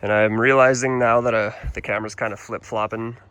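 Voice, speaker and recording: Flat and a little fast, the lowish, slightly bright voice comes through clear and resonant. It belongs to a young Canadian man with a Canadian accent vlogging about his motorcycle as he walks around it, phone in hand, swearing casually, rambling and restarting.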